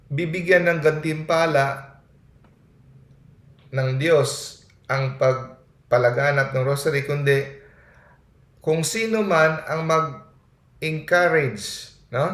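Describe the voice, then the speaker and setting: A man's voice: medium pitch, fairly bright tone. A man giving an earnest sermon in mixed Tagalog and English, often tagging his points with a questioning "no?". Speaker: preacher. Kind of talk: Taglish sermon. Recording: echoey room.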